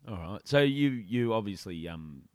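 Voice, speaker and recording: Male host, Australian accent, low register, dry sound, informal and matey interviewing. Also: expressive, normal speed, darkish tone, no echo. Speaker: podcast host. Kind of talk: casual interview chat.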